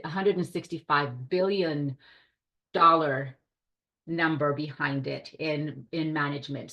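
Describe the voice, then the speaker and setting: Woman, from Puerto Rico, enthusiastic presenter, video call webinar, lower voice. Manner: enthusiastic, chatty, warm hospitality tone. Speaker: director of short-term rentals, presenter.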